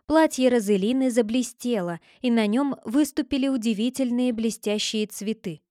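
A woman's voice: on the high side, moderate pace, mellow, dry recording. Woman reading a fairy tale, dry sound. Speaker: narrator. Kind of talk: storybook reading.

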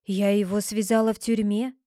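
A woman reading a storybook, voicing a gentle but stubborn poor shepherd girl. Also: medium pitch, normal speed, dry recording, studio quality, lightly acted. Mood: calm. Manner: quiet, calm, firm.

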